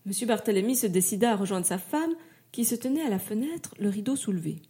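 Mellow-voiced woman reading a story aloud. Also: medium pitch, animated. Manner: measured, literary storytelling. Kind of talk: scripted narration.

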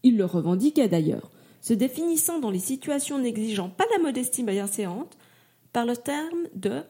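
A woman reads a literary tale aloud with a mellow tone. Her voice sits a little higher than most and she tells the story in a measured, even way. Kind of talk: scripted narration.

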